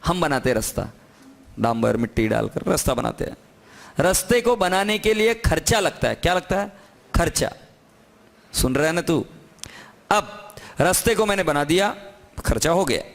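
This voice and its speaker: A man's voice: fairly high pitch, moderate pace, vocal fry, pauses often. A man teaching an accounting class, lecturing in a classroom and constantly asking his students questions. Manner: lively, coaxing questions to students.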